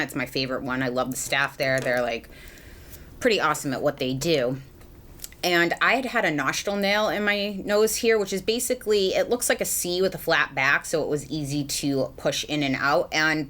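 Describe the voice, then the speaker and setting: Low in pitch with a fairly bright tone, this young adult woman vlogs about beauty as she works through her makeup. She's from Massachusetts, and her casual get-ready-with-me chat rambles along with plenty of ums and likes.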